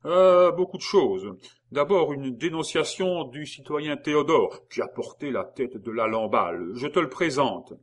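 A man reading as an excitable revolutionary jailer. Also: medium pitch, measured pace, voice pushed up. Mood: eager.

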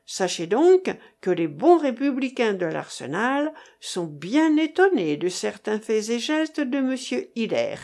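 A woman reading aloud, voicing a flattering, scheming male recruiter. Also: a little high, unhurried, few pauses. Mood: confiding.

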